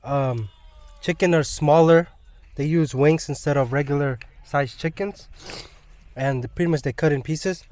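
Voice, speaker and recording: A man's voice: a little high, measured pace, a little mellow. A man hosting a casual food review vlog, chatting informally to viewers during a mukbang.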